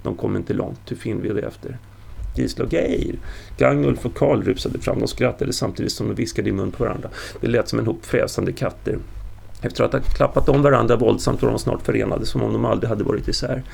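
Gravelly low-voiced male narrator. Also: darkish tone. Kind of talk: audiobook narration of a Viking tale.

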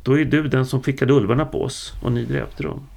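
A stubborn warrior, spiteful and hostile to strangers, growls his lines in a gruff, husky voice, as a male storyteller voices him. The voice is gravelly and low. It is a storybook reading. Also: darkish tone. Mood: furious.

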